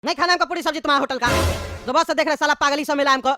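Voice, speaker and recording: A woman voicing a quarrelsome grown man, a short-tempered husband and father, bickering fast and angrily. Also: sits high, steady tone, over music, close to an everyday voice. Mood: angry. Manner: rapid angry bickering. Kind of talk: cartoon voice acting.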